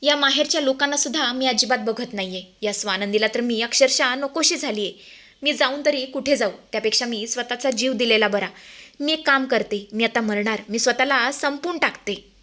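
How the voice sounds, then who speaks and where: A woman's voice: fairly high pitch, brisk, a bit bright, natural voice. A woman voicing a scheming young woman who rages and wails melodramatically in a retold serial. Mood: fake wailing. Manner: angry, whiny, melodramatic. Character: scheming, furious young woman faking a crisis.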